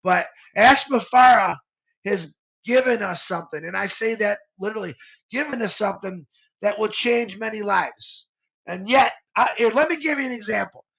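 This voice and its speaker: Gravelly, earnest man in his fifties. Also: high-pitched, moderate pace, a bit bright, muffled recording. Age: 50s. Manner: earnest, rambling, emotional with many restarts. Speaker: show co-host. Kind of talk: live motivational talk.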